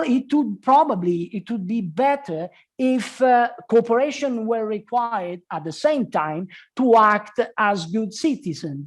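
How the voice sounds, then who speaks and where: A woman giving an academic conference talk, halting with many hesitations. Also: a little high. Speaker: conference speaker. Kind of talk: academic presentation.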